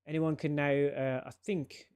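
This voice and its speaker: A man's voice: on the high side, little pitch movement, measured pace, a little mellow, clear, resonant tone. A man, chatting casually with viewers on a live game stream and laughing often. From England. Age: 30s. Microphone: desk microphone.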